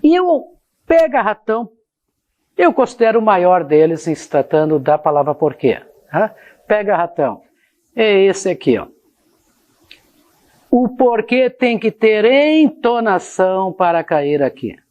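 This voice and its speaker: A woman's voice: mid-range voice, sing-song, unhurried, long pauses, darkish tone, muffled recording. A woman teaching a grammar lesson to her students, explaining each point and checking they follow, and reading example sentences aloud with exaggerated intonation. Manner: explanatory, addresses students directly with frequent checks like "tá?" and "ó". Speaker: Portuguese teacher.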